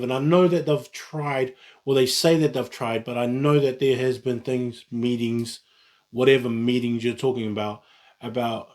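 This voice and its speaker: In a mid-range voice with a darkish tone, a New Zealand man talks casually on his own for his vlog. He rambles and repeatedly restarts and corrects himself.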